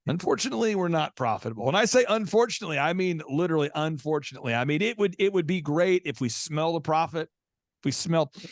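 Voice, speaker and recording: A man talking in a casual podcast conversation, telling animated stories and acting out the people he quotes. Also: fairly high pitch, dry recording, studio quality. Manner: animated storyteller who acts out quotes. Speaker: guest speaker and event organizer.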